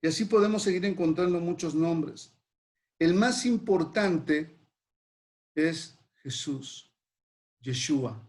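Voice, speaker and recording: Slow, deliberate male preacher. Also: fairly high pitch, expressive, darkish tone. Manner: slow and deliberate, lingering over names. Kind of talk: sermon with prayer.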